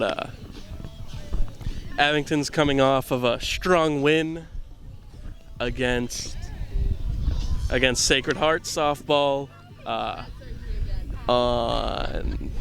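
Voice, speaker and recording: A young man, doing offhand, self-deprecating live commentary of a softball game from outdoors on a headset mic. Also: medium pitch, lively intonation, very slow, creaky, long pauses, soft background music. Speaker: camera operator and commentator. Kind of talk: casual live sports commentary.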